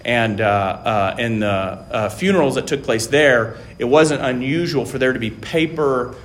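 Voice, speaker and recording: Man from Taiwan, lecturer. Casual, halting class talk full of "um" and "right?", mid-pitched, faint room noise. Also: a bit bright. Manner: halting, many fillers and restarts, checks in with "right?".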